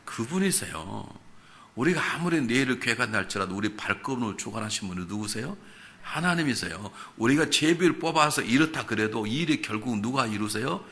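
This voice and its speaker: A man's voice: medium pitch, expressive, brisk, pushed and bright. A man preaching a revival sermon as a pastor, speaking directly to the congregation with rhetorical questions and emphatic, acted-out exchanges. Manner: emphatic, acts out conversations with congregants. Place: church revival meeting.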